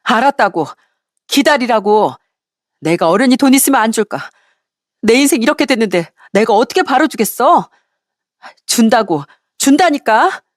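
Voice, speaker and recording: A woman voicing a brazen young ex-wife who yells and accuses in a high, strained voice. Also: very animated, moderate pace, few pauses, dry recording, studio quality. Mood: angry shouting. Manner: yelling, accusing, high-pitched. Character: shrill, brazen young ex-wife screaming in anger.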